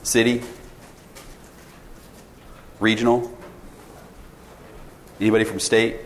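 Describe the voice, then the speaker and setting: Speaking slowly in a low voice with little pitch movement, this man in his forties is a sales director presenting informally at a conference. He restarts sentences a lot and throws questions out to the crowd. The conference session room sounds reverberant, with faint ambience and a bit of background noise picked up by his tethered mic.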